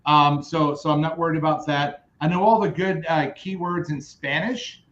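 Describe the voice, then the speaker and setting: A man's voice: on the high side, fairly even intonation, normal speed, a bit bright. A man chatting as a podcast guest over a remote call, rambling and interrupting himself as he tells stories. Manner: rambling, self-interrupting storyteller. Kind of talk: casual chat. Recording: echoey, muffled remote call audio.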